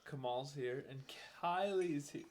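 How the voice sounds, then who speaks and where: A man's voice: a little high, measured pace, darkish tone. A young man chatting casually and playfully on a livestream, lightly teasing. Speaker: livestream co-host.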